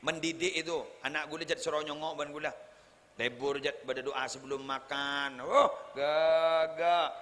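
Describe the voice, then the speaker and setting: A man preaching a humorous religious sermon at a wedding gathering, speaking with a Madurese accent, joking and teasing his audience, then rising to loud, emphatic preaching. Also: fairly high pitch, monotone, moderate pace. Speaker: Islamic preacher. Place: large hall at a wedding celebration. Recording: live hall sound with faint crowd ambience.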